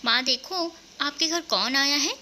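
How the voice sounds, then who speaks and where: A woman's voice: high-pitched, unhurried, pushed and bright, slight background noise, heavily acted. A woman voicing a welcoming young husband who talks in an easy, friendly way.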